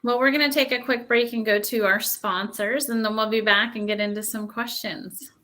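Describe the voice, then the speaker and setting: Bright, forceful woman podcast host. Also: on the high side, fairly even intonation, normal speed. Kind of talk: casual panel talk.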